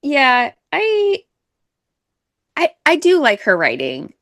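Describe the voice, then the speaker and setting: A woman's voice: high voice, wildly swooping pitch, slow, a bit bright, no room sound, clean studio sound. A woman co-hosting a podcast, chatting casually about books with fillers and frequent laughs. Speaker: podcast co-host. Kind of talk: casual book chat.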